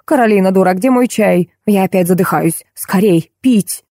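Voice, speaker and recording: A woman reading an audiobook voices a rude, boorish rich man who shouts and insults. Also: mid-range voice, moderate pace, dry recording, clean studio sound, close to an everyday voice. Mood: boorish, indignant.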